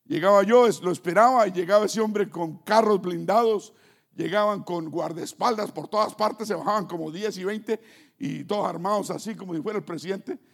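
Preacher, man, high-pitched and gravelly, animated storytelling sermon that swings from hush to near-shouting. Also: moderate pace. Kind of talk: sermon with personal testimony.

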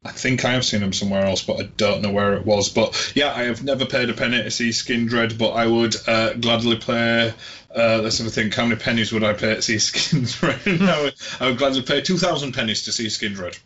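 A man's voice: medium pitch, steady tone, a little fast, fairly bright tone. A man from England in casual chat as a podcast co-host, laid-back, swearing and laughing often. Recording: dull lo-fi sound.

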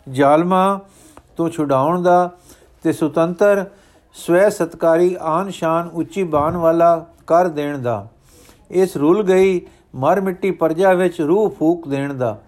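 A man voicing a grave, steady guru father. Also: on the high side, lightly acted. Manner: solemn, declamatory, steady.

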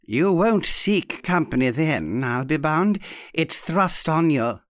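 A man reading a story voices a sour, half-blind old aunt who croaks out her words slowly. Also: on the high side, very animated, no room sound, clean studio sound.

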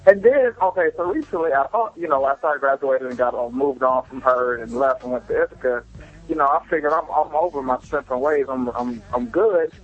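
This is another listener voicemail: a young man talking a little fast in a mid-range voice, telling loose personal anecdotes with profanity and plenty of self-mockery. Music plays under a muffled, low-fidelity recording.

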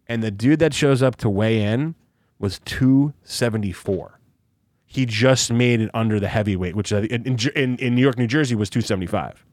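A young adult man in casual podcast chat, telling stories in an animated way and acting out the voices of people he quotes. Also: fairly low pitch, dry recording.

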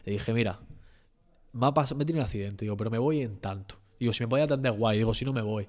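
A young man from southern Spain with an Andalusian accent, telling a story as a guest in a relaxed, slang-heavy chat. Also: medium pitch, very fast. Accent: Andalusian Spanish. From Almería, Spain. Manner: slangy, animated storytelling, full of street fillers. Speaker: rapper and freestyle battler, guest.

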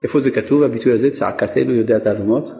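A man's voice: mid-range voice, vocal fry, dark tone. A man teaching a Torah lesson, putting questions to his students and answering them himself. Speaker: rabbi teaching a class. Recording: echoey room with long reverb.

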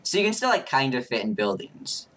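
A young man as game master, narrating a tabletop game in a casual, halting way. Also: medium pitch, sing-song, crowd noise.

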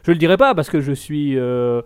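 A man's voice: on the high side, normal speed, smooth. Jokey, rambling man hosting a live show. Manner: jokey and rambling, with many restarts. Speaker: live stream host. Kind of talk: casual live chat reading viewer messages.

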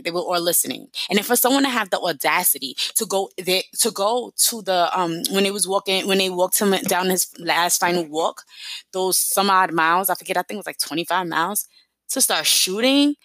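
Gravelly, bright-voiced New woman. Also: lowish voice, dry recording. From New York. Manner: rambling, slangy, fast talking. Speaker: podcast host. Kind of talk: casual podcast monologue.

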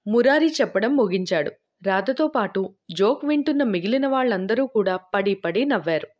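A woman narrating a novel in even, storytelling audiobook style. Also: medium pitch, moderate pace. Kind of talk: scripted narration.

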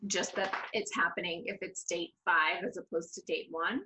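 A woman's voice: on the low side, steady tone, moderate pace, background noise. A woman co-hosting a podcast, joking playfully in casual chat. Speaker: podcast co-host.

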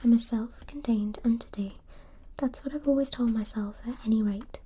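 A woman reading a novel aloud in a breathy, mostly unvoiced ASMR whisper. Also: fairly high pitch, normal speed, dark tone, a little hiss or hum.

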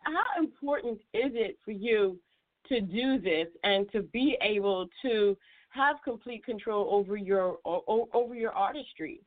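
A woman's voice: medium pitch, animated, unhurried. A woman hosting a radio podcast, talking in a chatty, casual way as she leads an interview. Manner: chatty, frequent fillers and restarts. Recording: tinny phone-like audio.

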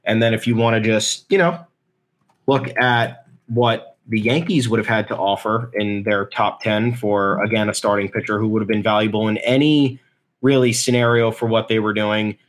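A man with a fairly low voice co-hosts a casual sports show. He talks conversationally, haltingly working through his opinions as he goes. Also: fairly even intonation. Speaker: sports podcast co-host.

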